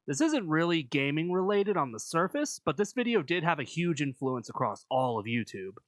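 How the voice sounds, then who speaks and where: A man reading scripted video essay narration in a measured, explanatory manner. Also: on the high side, big pitch swings, a bit bright, no echo, clean studio sound.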